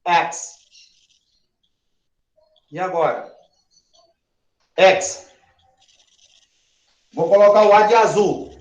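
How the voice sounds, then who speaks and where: This high-voiced chemistry teacher draws out his words and pauses often during a classroom lecture. Asking questions of the class, he counts aloud while spelling out syllables, and the classroom recording is roomy and dull.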